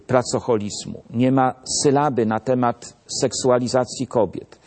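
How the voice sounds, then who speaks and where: A man speaking in a measured, emphatic tone, delivering religious commentary. He leans on repetition to drive each point home, with a steady mid-range voice. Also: medium pitch. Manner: measured, emphatic, repeats key phrases.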